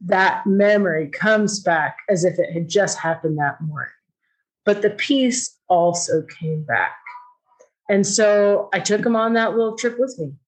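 Speaking a little slowly in a mid-range voice, this middle-aged woman chats casually through a personal anecdote, peppered with "like" and "you know." She raises her voice to act out the lines she quotes, and the recording is rough.

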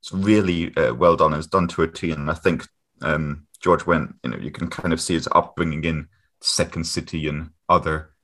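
A man with a very deep voice joins a podcast as a guest. He chats in a relaxed way and laughs often. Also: normal speed. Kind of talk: casual chat.

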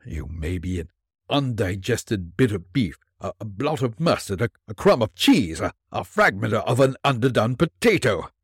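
A sour old miser trying to sound dismissive while his nerve fails, his words clipped and dry, as a male reader acts him out. The voice swings widely in pitch from grumbling lows to anxious highs. It sits close and dry on the mic. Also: very animated, moderate pace, husky, no room sound, heavily acted. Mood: wry, dismissive. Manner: dry, clipped retorts turning pleading. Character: miserly old man, wry but frightened. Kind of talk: storybook reading.

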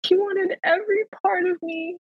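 A woman talking as a podcast guest, sharing a personal faith testimony in an earnest way and slowing down to stress key phrases. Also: very high-pitched, steady tone, dry recording, narrow, tinny audio.

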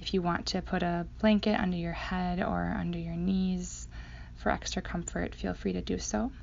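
A woman guides a meditation in a slow, hypnotic manner. Her delivery is soothing and very even in pitch, with a creaky edge that turns breathy as phrases trail off. The recording is slightly dull. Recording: dull sound, faint background noise.

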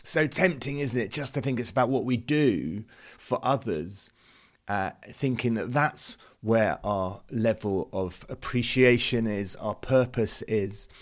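A man's voice: mid-range voice, unhurried. Male podcast host from the UK, earnest and conversational, devotional talk with plenty of fillers. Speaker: youth ministry podcast host.

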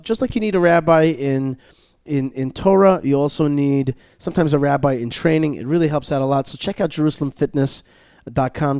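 A man's voice: fairly high pitch, a little mellow, dry recording, clean studio sound. A man hosting a radio talk show, chatting casually and doing sponsor plugs with many restarts and fillers. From Israel. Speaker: podcast host. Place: studio at a learning center.

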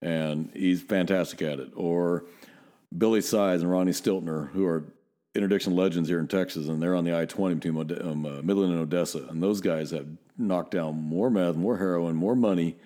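A man's voice: low voice, normal speed, mellow. A middle-aged man from Northern California, a police officer co-hosting a podcast, telling blunt, profane stories in casual chat.

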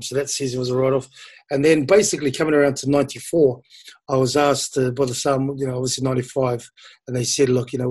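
Husky-voiced man telling stories flatly. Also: mid-range voice, no echo. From New Zealand. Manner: rambling, many restarts and fillers. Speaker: former rugby player, interview guest. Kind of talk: casual interview storytelling.

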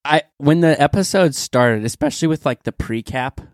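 A man's voice: a little high, moderate pace, no room sound, studio quality. Enthusiastic rambling man on a podcast. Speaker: podcast co-host. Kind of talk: casual chat.

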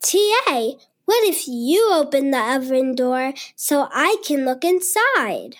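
A woman's voice: sits high, very animated, slow pace, heavily acted. A performer voicing a curious little girl who pleads with the grown-ups in a children's show.

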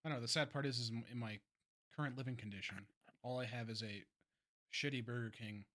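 A man's voice: medium pitch, steady tone, brisk, bright, forceful tone, a little hiss or hum. A man co-hosting a podcast in casual chat, talking in emphatic, slangy dude-speak. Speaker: podcast co-host.

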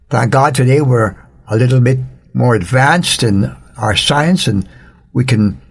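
An older man from Jamaica, giving gentle devotional counsel as a radio Bible teacher, earnest and fatherly with a touch of dry humor. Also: medium pitch, creaky, breathy edge.

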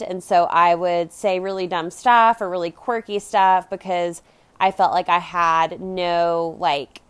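A young American woman speaks in a Valley Girl accent with lilting uptalk. Her voice is smooth and clear, sitting a little low for a woman. She tells personal stories casually, in a confessional style full of conversational filler. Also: no echo. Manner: conversational, peppered with "like" and "you know". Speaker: podcast host.

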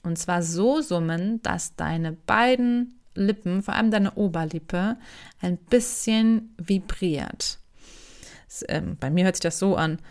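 A woman, hosting her own podcast as a voice coach in a relaxed, chatty way with frequent fillers. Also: fairly low pitch, slow pace. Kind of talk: casual solo podcast talk.

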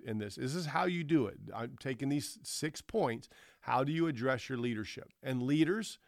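A man's voice: medium pitch, gravelly, dry recording, studio quality. A man preaching a sermon, counting off his points with emphasis and acting out quoted dialogue. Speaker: pastor.

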